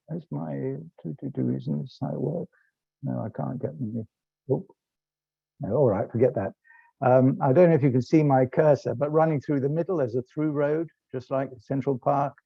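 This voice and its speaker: A man's voice: medium pitch, vocal fry, no echo, dull audio. British man giving a rambling slide lecture. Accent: British English. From England. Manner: rambling, self-correcting, conversational. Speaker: lecturer and tour guide.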